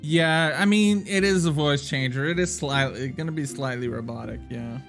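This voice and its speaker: A man's voice: fairly high pitch, moderate pace, vocal fry, a bit bright. A man live-streaming a game, chatting casually with viewers in a rambling way, swearing and laughing offhand. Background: game music.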